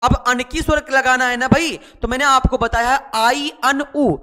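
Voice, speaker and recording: A man's voice: very high voice, steady tone, unhurried, bright, forceful tone, in a large hall. A man teaching shorthand in a chatty online lesson, repeating words and asking and answering his own students' questions. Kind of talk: online lesson, explaining while writing.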